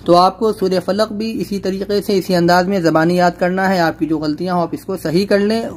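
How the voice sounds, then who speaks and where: A man with a fairly high voice teaches Quran recitation in a tajweed lesson. He chants verses slowly and melodically, then explains each sound patiently and repeats words over and over for the learner. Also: steady tone, a little hiss or hum. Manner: slow drawn-out melodic recitation between plain spoken explanation.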